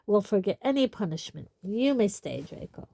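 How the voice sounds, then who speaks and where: A woman's voice: mid-range voice, very animated, normal speed, vocal fry, warm tone. A woman voicing a genial, tipsy older male professor. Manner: genial, hiccuping.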